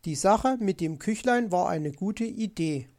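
A narrator reading a children's storybook aloud in a lively way. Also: mid-range voice, unhurried. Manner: lively, many voices.

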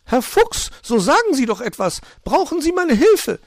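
A man's voice: extremely high pitch, very animated, normal speed, no echo, clean studio sound, pitched above the performer's own voice, full character voice. A man voicing an anxious, fussy female magpie who calls out in agitated questions.

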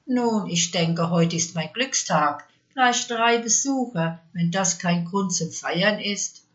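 A woman voicing a cruel, mocking male devil in a fairy tale, taunting loudly and then dropping to a menacing hush. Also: medium pitch, slow pace, muffled recording. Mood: gleeful. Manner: loud taunting, drops to a soft menacing hush.

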